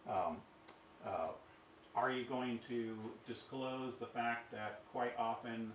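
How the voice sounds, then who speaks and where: A middle-aged man giving a university ethics lecture, halting with many fillers and restarts and asking the audience rhetorical questions. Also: medium pitch, fairly bright tone, slight background noise. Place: lecture hall. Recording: echoey hall recorded from far off.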